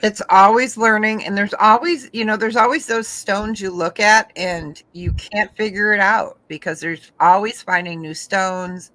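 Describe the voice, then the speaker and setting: Slow-talking bright-voiced woman auction host. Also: medium pitch, steady tone, dry recording, low-quality recording. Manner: chatty, describes items slowly, laughs often. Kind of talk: casual live sales chat.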